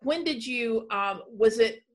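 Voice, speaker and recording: A woman's voice: a little high, takes it slowly. A woman hosting an interview podcast, upbeat and enthusiastic, often restarting her questions. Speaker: podcast host. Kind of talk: casual interview chat.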